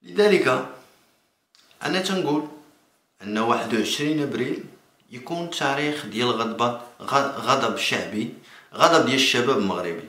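Moroccan guy doing off-the-cuff political commentary, talks fast but keeps restarting, mid pitch, roomy echo. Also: expressive, bright, forceful tone. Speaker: political vlogger. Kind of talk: spontaneous political commentary to camera. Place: small indoor room. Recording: echoey room.

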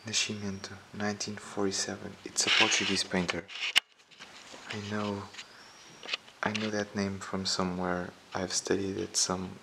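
A man quietly commenting as he explores a dark abandoned house, half-whispering at times, recorded on a handheld camera. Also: sits low, completely flat delivery, normal speed, gravelly, very noisy. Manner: hushed, half-whispered remarks. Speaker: urban explorer.

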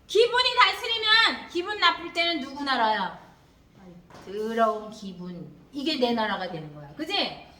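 Woman Sunday school teacher, very high and lively voice, animated children's sermon, echoey church hall. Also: normal speed. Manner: animated, questioning the children, acting out little voices.

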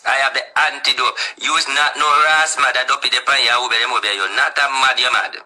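A man's voice: medium pitch, fairly even intonation, fairly quick, bright, forceful tone, poor audio. A man with a Jamaican accent, rambling through casual vlog commentary and talking straight to the people he discusses. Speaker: vlogger.

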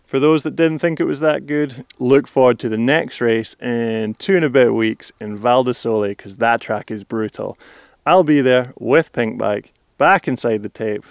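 A man's voice: medium pitch, moderate pace, creaky, no room sound, studio quality. A man with a Scottish accent hosting a casual race recap, chatty and upbeat with plenty of slang. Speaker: host.

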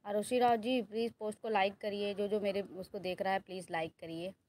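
A woman's voice: medium pitch, level tone, fairly quick, a little mellow, a little hiss or hum. Woman coaxing her pets on a live stream. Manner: coaxing, scolding pets, pleading with viewers for likes. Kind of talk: casual live stream chat. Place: home with cats.

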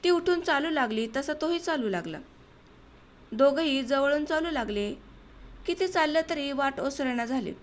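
A woman narrating a short story for an audiobook in a steady, measured way. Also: high voice.

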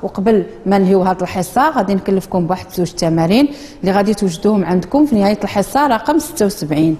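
Moroccan teacher in a reverberant classroom. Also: female voice, medium pitch, expressive, warm tone. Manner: slow, drawn-out modeling of words for children. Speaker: primary school teacher. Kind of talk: classroom reading lesson.

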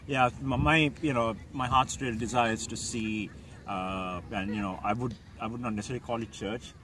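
A man's voice: medium pitch, steady tone, moderate pace, recorded from a distance, crowd noise. A man in his forties from Sri Lanka, a pastor, speaking hesitantly with many fillers in an outdoor interview. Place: open hilltop outdoors.

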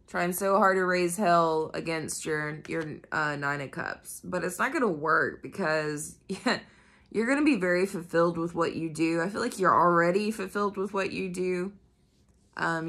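A lowish, fairly bright female voice, nasal with the start of a cold, belongs to a tarot reader chatting with her viewers. She swears a lot and uses many fillers while reading cards at a floor-level table indoors. The camera is trained on the cards, leaving her off-frame.

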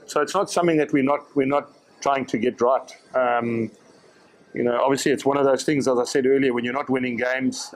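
A man, answering reporters' questions at a post-match press conference in a measured way, often repeating words as he thinks. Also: mid-range voice, rough recording. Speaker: rugby director of rugby.

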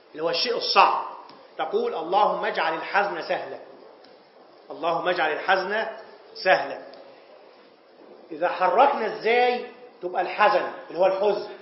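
A high-pitched Egyptian man teaches a class and keeps quizzing his students before he answers for them. His voice rings in an echoey room. The recording is dull and lo-fi. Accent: Egyptian Arabic. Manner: poses questions to students and answers them himself; playful wordplay, chuckles at slips. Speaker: Islamic scholar teaching Arabic language. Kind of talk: classroom lecture.

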